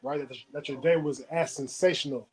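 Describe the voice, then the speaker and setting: A man hosting a motivational webinar, telling a story and often checking in with a quick "right?". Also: a little high, steady tone, rough recording. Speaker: webinar host.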